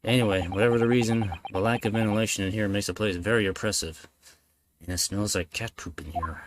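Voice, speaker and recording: A man's voice: lowish voice, steady tone, fairly quick, a little hiss or hum. A man playing a video game, casually commenting and reading its dialogue aloud. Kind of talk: casual let's play with dialogue read-aloud.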